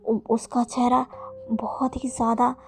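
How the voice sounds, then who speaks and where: Woman reading out a fanfic, high voice, steady, soft music behind. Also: unhurried. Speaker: storyteller. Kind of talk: reading out fan fiction. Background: faint background music.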